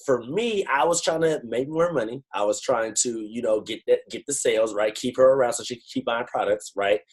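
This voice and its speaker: A man leading a team video call, telling a slangy, animated motivational story in casual talk over a computer mic. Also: medium pitch, brisk, breathy edge, rough recording. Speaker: network-marketing team leader.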